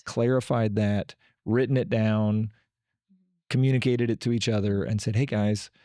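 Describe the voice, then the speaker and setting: Steady, lower-voiced man co-hosting a podcast. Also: moderate pace, smooth, dry recording, clean studio sound. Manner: steady, explanatory, lists points. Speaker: podcast co-host. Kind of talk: faith-based family podcast chat.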